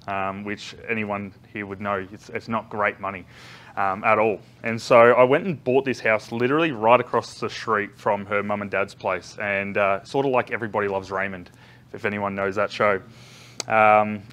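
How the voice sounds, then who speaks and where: Caught by a far-off camera without a visible microphone, a loud, chatty Australian man with a mid-range voice addresses a seated audience in a big conference room. As a business trainer, he tells stories in a rambling way, with many ums and restarts.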